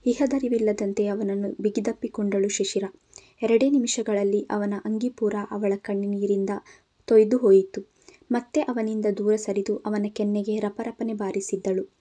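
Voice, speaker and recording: A woman narrating a romantic audio story in steady, expressive storytelling. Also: mid-range voice. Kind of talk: scripted narration.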